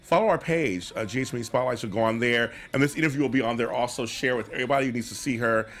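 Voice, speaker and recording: In a podcast studio, a middle-aged man hosts a casual interview, effusive and enthusiastic as he speaks into a large studio mic while wearing headphones. His voice is medium in pitch and fairly bright, and he talks at a quick pace.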